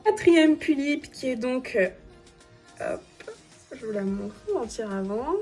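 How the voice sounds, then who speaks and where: A woman's voice: on the high side, lively intonation, slow, darkish tone, slightly rough, soft background music. A young woman with a southern French accent chatting casually as she shows off dolls, gushing with lots of fillers. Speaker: doll collector vlogger. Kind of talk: casual show-and-tell vlog.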